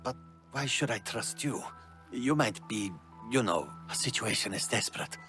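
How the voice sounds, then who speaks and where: A video game character in a mid-pitched voice. He speaks quietly and earnestly, as if pleading for help. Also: animated, measured pace, faint music behind.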